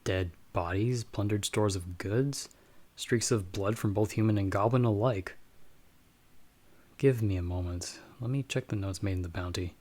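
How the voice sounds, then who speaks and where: A man acts out a watchful bounty hunter versed in magic and monsters, using a fairly low, darkish, natural voice. In ASMR audio-roleplay style, he offers his companion measured, slightly formal explanations, calm and alert.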